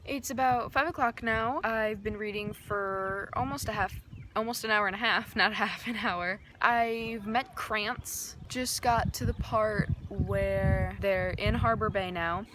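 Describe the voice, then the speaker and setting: A woman's voice: mid-range voice, steady tone, unhurried, a bit bright, slight background noise. A woman chatting casually to camera about her reading, effusive and rambling, with a lot of "like" in her speech. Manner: effusive, rambling, uses "like" often. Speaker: book vlogger.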